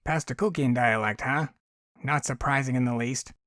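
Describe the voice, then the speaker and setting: A man voicing an angry male alien with a stiff, clear, high-pitched way of speaking, in a dry audiobook reading. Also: normal speed, a bit bright, no echo, close to an everyday voice. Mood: demanding. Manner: scolding, commanding. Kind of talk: audiobook character voice.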